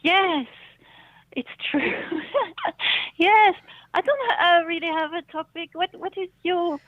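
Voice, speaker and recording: A middle-aged woman calling in over the phone, talking in a hesitant, halting way and laughing often. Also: very high-pitched, fairly bright tone, no echo. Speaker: caller. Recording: dull phone line, dry.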